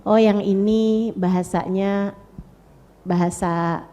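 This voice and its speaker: A woman giving an Islamic sermon, switching between playful storytelling and soft, earnest pleading. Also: mid-range voice, fairly even intonation, slow, lo-fi sound. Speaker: Islamic preacher.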